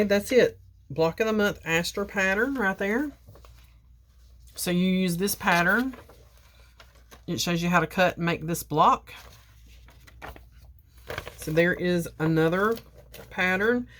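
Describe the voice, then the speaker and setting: A woman vlogger chatting casually through an unboxing, talking to her viewers, repeating herself and sipping coffee as she goes. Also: lowish voice. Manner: sips coffee while talking. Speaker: crafting vlogger.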